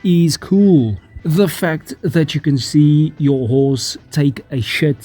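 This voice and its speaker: Male gaming YouTuber, mellow dark tone, dry sarcastic delivery, casual swearing. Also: fairly high pitch, slow pace. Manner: deadpan mock-dramatic delivery; profane, casual aside.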